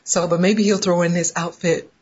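A woman's voice: lowish voice, steady tone, moderate pace, darkish tone, husky. A woman co-hosting a casual chat show, playful and jokingly boastful. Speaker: co-host. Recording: dull lo-fi recording.

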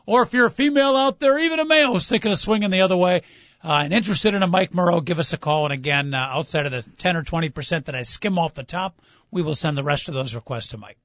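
A man with a high-pitched voice hosts casual sports talk radio. He rambles and jokes wryly in easy banter. The sound is dry and a little dull, like band-limited broadcast audio. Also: quick pace, a bit bright, dry recording. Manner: wry, joking, rambling.

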